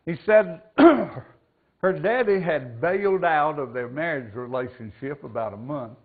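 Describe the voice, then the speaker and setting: A male pastor preaching a sermon into a pulpit microphone, slow and deliberate, dropping to a hush and swelling up again. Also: fairly high pitch, expressive. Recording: tinny lo-fi church recording.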